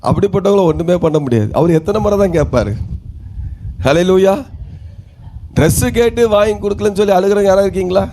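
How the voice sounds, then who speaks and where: A man's voice: sits high, brisk, long pauses, mellow, slight background noise. A male pastor with a Tamil Nadu accent, preaching a sermon and asking his congregation questions, with calls of hallelujah.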